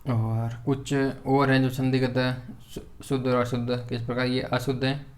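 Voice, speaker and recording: Man teaching a flat-toned grammar lesson. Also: medium pitch, moderate pace. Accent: Hindi. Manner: hesitant, many "uh" fillers and restarts; repetitive corrective phrasing. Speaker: exam prep teacher.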